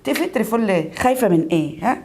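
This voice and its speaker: A woman's voice: fairly high pitch, animated, rapid-fire, darkish tone. A woman with an Egyptian accent playing a suspicious, scheming mother-in-law who nags her son. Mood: nagging. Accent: Egyptian Arabic. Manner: nagging, needling, scolding.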